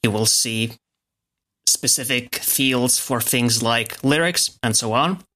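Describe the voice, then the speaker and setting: Brief: man, bright, crisp-edged voice, calm and explanatory interview guest. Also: medium pitch. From Lithuania. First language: Lithuanian. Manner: measured, explanatory. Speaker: podcast guest, software developer. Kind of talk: casual interview.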